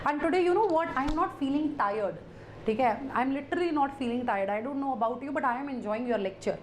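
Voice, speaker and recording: Echoey room, woman lecturer, North Indian accent, high-pitched, repetitive phrasing, direct address to students, Hindi interjections. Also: expressive, quick pace. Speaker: teacher. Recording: echoey room, faint background noise.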